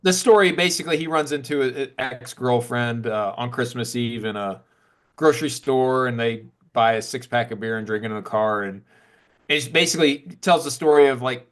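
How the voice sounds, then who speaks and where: A man co-hosts a music chat in an earnest, reflective way. His voice sits at an ordinary middle pitch, steady and unforced. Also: normal speed. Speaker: podcast co-host. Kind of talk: casual music debate chat.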